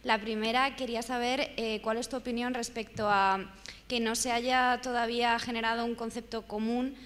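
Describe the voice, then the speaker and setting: A woman in the audience asking a question, nervous, rushed and halting. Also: on the high side, level tone, fairly bright tone. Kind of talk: question from the floor. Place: large lecture hall. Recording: reverberant hall.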